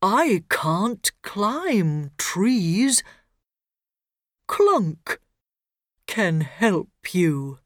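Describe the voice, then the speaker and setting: A woman voicing a kindly old grandfather in a storybook read for learners, gentle and calm. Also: medium pitch, very slow, pauses often, no room sound, clean studio sound.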